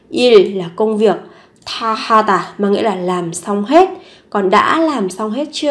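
A young woman with a Vietnamese accent teaching Korean phrases, patiently repeating each example several times. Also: on the high side. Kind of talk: language lesson explaining phrases.

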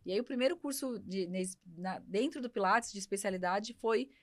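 A woman, a physiotherapist guest on a podcast, chatting in an animated, talkative way. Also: mid-range voice, normal speed. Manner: animated, talkative, repeats herself. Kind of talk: casual chat.

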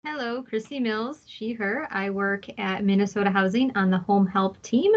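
A woman's voice: medium pitch, moderate pace. A woman introducing herself on a video call from a home office, light and self-deprecating. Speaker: housing agency staff. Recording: dull lo-fi audio.

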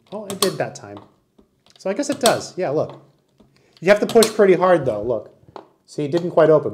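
A man in his forties with a slightly high voice chats through a casual product review. He sounds enthusiastic and hands-on, demonstrating as he talks, recorded close on a camera mic in a small room. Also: darkish tone, slight background noise. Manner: chatty, enthusiastic, demonstrating while talking. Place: small indoor room with wood-panel wall.

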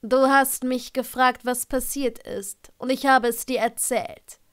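A woman voicing a curt, sardonic middle-aged male potions master, slow and clipped in a fan-fiction audiobook. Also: on the high side, a bit bright, clear, resonant tone. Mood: dry.

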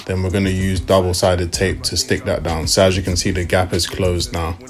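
A young man talking through a sewing tutorial in a relaxed, casual way, with the odd um along the way. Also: low voice, fairly quick. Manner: relaxed, step-by-step explaining with fillers. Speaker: fashion DIY vlogger. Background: hip hop music.

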